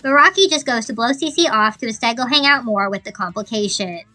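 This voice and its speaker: A woman's voice: a little high, animated, fairly quick, bright, forceful tone. A woman hosting an episode recap commentary, chatty with jokey asides. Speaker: host. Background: background music.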